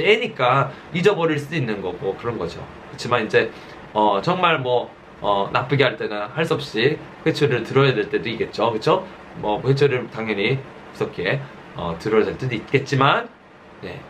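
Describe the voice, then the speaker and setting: A middle-aged man preaching a sermon as a pastor, conversational and halting, often checking in with listeners. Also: mid-range voice, expressive, a bit bright. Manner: halting, many fillers and self-corrections. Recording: faint background noise.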